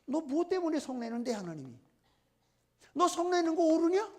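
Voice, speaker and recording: A man's voice: very high voice, very animated, normal speed, a little mellow, pitched above the performer's own voice. A male preacher voicing God as a stern figure who scolds a stubborn prophet bluntly. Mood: scolding.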